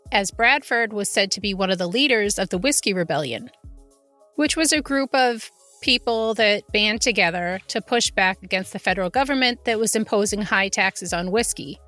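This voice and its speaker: A woman's voice: mid-range voice, bright, forceful tone. A woman hosting a podcast, telling history and ghost lore from notes in a conversational way with informal asides. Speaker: podcast host. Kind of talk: semi-scripted true haunting storytelling, conversational.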